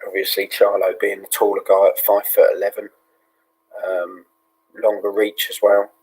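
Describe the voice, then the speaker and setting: A British man hosting a live fight watch-along in a hushed, half-whispered voice, relaxed and full of ums and yeahs. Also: on the low side, normal speed, a little hiss or hum, rough recording. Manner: relaxed, with many fillers like um and yeah. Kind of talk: low-key live fight commentary.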